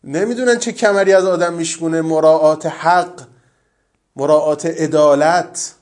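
A man giving an earnest, emphatic religious lecture as a cleric, repeating his key points. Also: on the high side.

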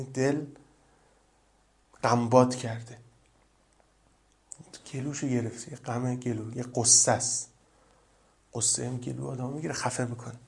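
A man who is a cleric, giving a religious sermon, quoting Arabic scripture and growing loud and high as he retells traditions.

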